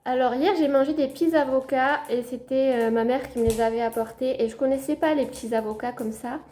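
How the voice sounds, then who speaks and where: Chatty woman with a higher voice. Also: brisk, dark tone. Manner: chatty, shows her plants to viewers. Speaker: gardening vlogger. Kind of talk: casual home vlog. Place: at home by a window.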